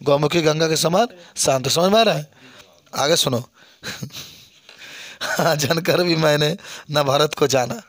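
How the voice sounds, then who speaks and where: A man's voice: fairly high pitch, slow pace, pauses often, fairly bright tone, dry recording. A man teaching a Hindi poem line by line, reading each verse and then explaining it, repeating key phrases and checking whether his students are following. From India.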